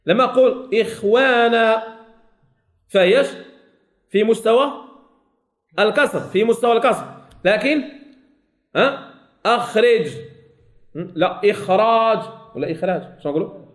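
A Moroccan man with a rather high voice teaches a tajweed class. He stretches each sample word out slowly and repeats it. Between the examples he corrects his pupils and checks that they follow. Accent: Moroccan Arabic. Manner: slowly drawn-out sample words, repeated to students. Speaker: Quran recitation teacher.

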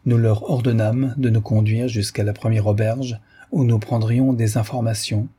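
Husky, low-voiced man narrating a classic novel, measured and literary. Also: steady tone, dark tone. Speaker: audiobook reader. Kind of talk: scripted narration.

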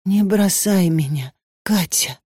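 A woman's voice: mid-range voice, dark tone, slightly rough, dry recording, clean studio sound. A woman doing a faint delirious sick girl.

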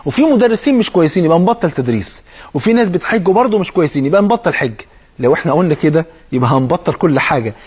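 Preaching a sermon at a rapid pace, a man with an Egyptian accent uses a high, husky voice that is animated yet a little mellow. He speaks straight to the listener and fires pointed questions at them.

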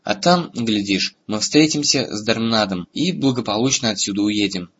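A man with a husky voice, doing an earnest young male dragon rider in a lo-fi audiobook recording. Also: on the low side, animated, normal speed, fairly bright tone.

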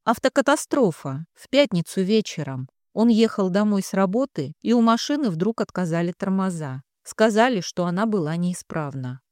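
Woman reading a soft quiet grieving girl, subdued, dry close sound. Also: medium pitch, lively intonation, normal speed, few pauses, dry recording, lightly acted.

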